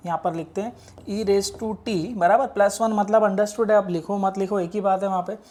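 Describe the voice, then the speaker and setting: A man's voice: sits high, steady tone, a little fast, a little mellow. Patient man teaching maths step by step. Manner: explains patiently, keeps checking in with students; mixes English math terms into spoken Hindi. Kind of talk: step-by-step lecture on worked problems.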